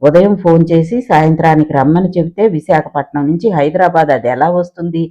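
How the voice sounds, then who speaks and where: A man's voice: a little high, fairly even intonation, brisk, dark tone, lo-fi sound, natural voice. A man voicing an annoyed older housewife who complains to her husband. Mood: peeved. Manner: complaining, peeved.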